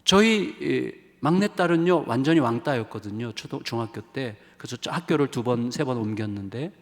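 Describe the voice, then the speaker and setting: A middle-aged male pastor preaching a revival sermon with emphasis, rising to exclamations and dropping to hushed asides. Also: mid-range voice, animated, moderate pace. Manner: emphatic, swings between raised exclamations and hushed asides, acts out quoted voices. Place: church sanctuary. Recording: long reverb of a church hall.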